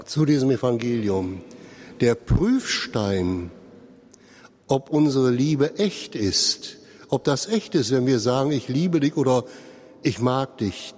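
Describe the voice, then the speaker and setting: A man's voice: medium pitch, a little mellow, in a large hall. A man preaching a sermon, explaining earnestly and speaking straight to his listeners. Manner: slow, earnest explaining, addresses listeners directly. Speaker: pastor.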